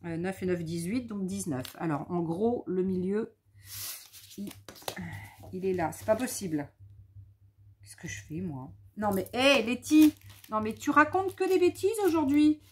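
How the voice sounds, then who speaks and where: A woman's voice: mid-range voice, unhurried, pauses often, a little mellow, a little hiss or hum. A tired woman hosting a scrapbooking video, thinking aloud and teasing herself playfully as she works. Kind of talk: casual craft demonstration.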